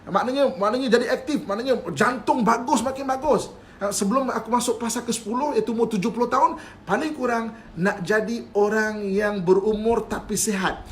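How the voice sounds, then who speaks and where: His voice is very high-pitched and fairly quick, with a slight hiss or hum in the recording. He's a Malaysian Malay-accented religious teacher lecturing on a live stream, playful in manner, frequently chuckling and checking that listeners understand.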